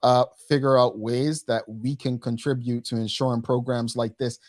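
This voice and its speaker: An upbeat man hosts a daily talk show in a casual, chatty way, and his sign-offs sound like an announcer's. His voice sits at a middle pitch. It is recorded dry and close, with no room echo. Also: steady tone, normal speed. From Bermuda.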